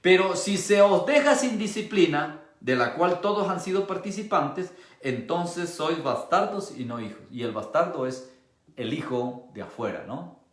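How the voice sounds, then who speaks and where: A male pastor preaching a sermon with passion, moving between hushed tones and a raised voice. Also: fairly high pitch, animated, a little slow, echoey room.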